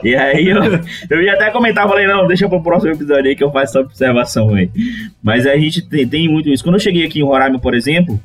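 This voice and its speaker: A man's voice: on the high side, fast talker. A man from Manaus with a Manaus Brazilian Portuguese accent, chatting casually as a podcast host and laughing often. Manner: chatty, laughing, many restarts.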